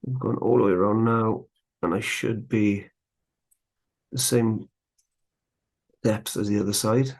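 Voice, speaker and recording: Male carving instructor, low and even, relaxed and chatty while working. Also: measured pace. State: slightly out of breath. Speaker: woodcarving instructor. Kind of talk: live carving tutorial.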